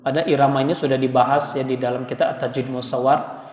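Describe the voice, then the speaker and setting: An Indonesian-accented Quran teacher leads a call-and-response class, chanting and demonstrating how each letter sounds. He talks fast at a medium pitch with little movement and a darkish tone, in an echoey hall with long reverb.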